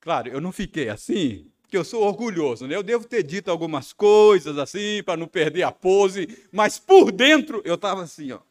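Very animated and high-voiced, a Brazilian Portuguese-accented pastor preaches at a moderate pace with few pauses. He tells a personal story with many tag questions, acting out his own angry rehearsal.

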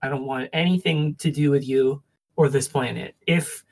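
A woman's voice: a bass voice, steady tone, normal speed, darkish tone. A woman co-hosting a streamed podcast, chatting casually and playfully, with swearing rants. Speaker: podcast co-host. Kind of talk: casual chat.

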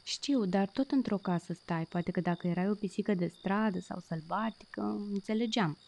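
A woman voicing a wise, worried little male cricket who explains things slowly and cautiously. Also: mid-range voice, gravelly, a little mellow, natural voice. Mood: lecturing.

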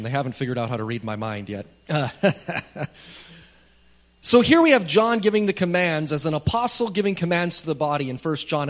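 A man preaching a sermon at a pulpit microphone in a church, speaking in a plain, conversational way with light jokes for the congregation. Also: a little high. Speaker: pastor. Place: church sanctuary.

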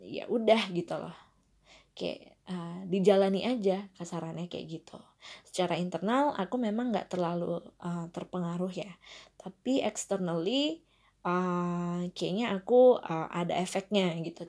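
A young woman calmly sharing a personal story in a casual monologue, with many fillers and asides. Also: on the low side. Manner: reflective, frequent fillers and asides.

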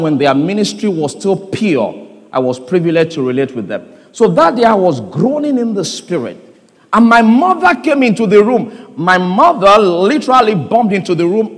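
A middle-aged man preaches in a high, ringing voice, telling stories from the pulpit. He swings between loud declarations and hushed moments. His voice carries a long reverb from a large convention hall. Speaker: pastor. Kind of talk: sermon.

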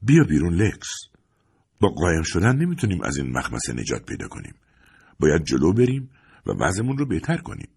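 Male narrator as steady, soothing man comforting children; deep, slightly husky. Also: full character voice. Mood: coaxing. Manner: gentle, soothing. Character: calm adult man reassuring frightened children. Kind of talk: audiobook character voice.

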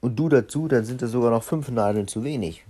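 A man voicing a big, bearded, gruff male robber giant from a storybook, growling and boastful. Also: mid-range voice, fast talker, mellow, natural voice.

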